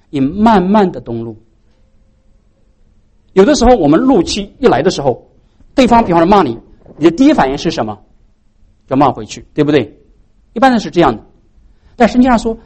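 Male pastor, fairly high, animated sermon voice full of rhetorical questions. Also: slightly rough. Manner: preaching with many rhetorical questions to the congregation.

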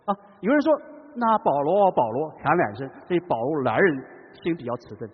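Male preacher, fairly high husky voice, dramatic delivery from loud to hushed, recorded dull in a reverberant church hall. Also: big pitch swings, a little fast. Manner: dramatic, swings between loud calls and hushed tones. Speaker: pastor. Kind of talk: sermon.

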